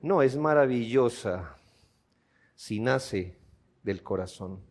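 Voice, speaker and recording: A male pastor with a Colombian accent delivers a sermon in a church at a slow, deliberate pace. His voice sits at an ordinary male pitch. He keeps asking his listeners questions and rises to loud, forceful emphasis. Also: expressive. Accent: Colombian Spanish. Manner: preaching with rhetorical questions, builds to loud emphatic peaks.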